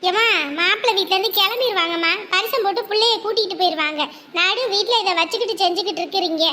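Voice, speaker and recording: A woman's voice: very high voice, fast, bright, forceful tone, a little hiss or hum. An actress playing a fussing, scolding mother of the bride. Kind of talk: village family drama.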